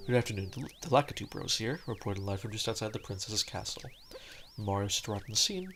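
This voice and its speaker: A man voicing a grumpy male TV field reporter in a low, flat, grumbling voice. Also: quick pace. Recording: game music playing behind.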